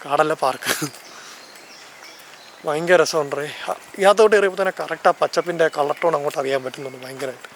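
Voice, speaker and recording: This is a casual travel vlog narrated by a man with a Malayali accent as he walks outdoors through a seaside town and park, filming on a handheld camera. He talks fast and enthusiastically, often correcting himself, in a fairly high, fairly bright voice over a little hiss or hum.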